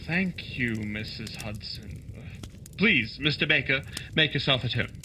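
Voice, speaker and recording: A man's voice: medium pitch, expressive, unhurried, background noise, lightly acted. A man playing an earnest, slightly dim doctor sidekick who also narrates a radio play politely.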